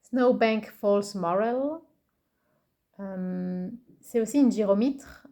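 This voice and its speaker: Woman host of a casual show-and-tell video: amused, musing aloud, halting over names, mid pitch. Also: mellow. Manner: hesitant, many fillers, muses aloud over names; reads English card titles slowly and carefully. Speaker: YouTuber presenting a card game.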